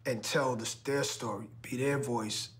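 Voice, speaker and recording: Man, rapper, casual and easygoing, mid-pitched everyday voice. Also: steady tone, unhurried. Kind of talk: casual conversation.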